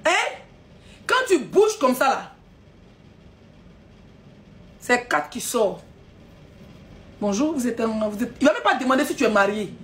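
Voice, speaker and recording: Woman, high pitch, scolding live-stream rant with mocking laughter. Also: sing-song, measured pace, pauses often, a bit bright.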